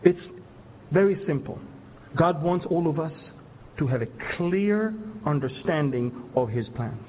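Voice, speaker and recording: A man from Israel preaching a sermon on Bible prophecy, building from quiet explanation to loud, emphatic declarations. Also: on the high side, animated, unhurried, a little hiss or hum. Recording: tinny phone-like sound with long hall reverb.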